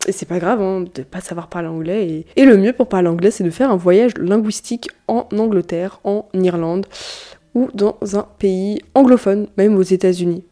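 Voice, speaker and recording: A woman's voice: medium pitch, normal speed, warm tone. A young woman hosting her own podcast, chatting casually and correcting herself often as she rambles. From France. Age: about 19. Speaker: podcast host. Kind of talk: casual solo podcast chat.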